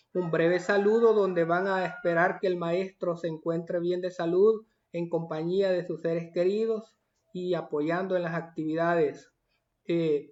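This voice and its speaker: A man's voice: high-pitched, darkish tone, lo-fi sound. A male teacher patiently explaining a language worksheet to his pupils, reading items aloud and then explaining them. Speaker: primary school teacher.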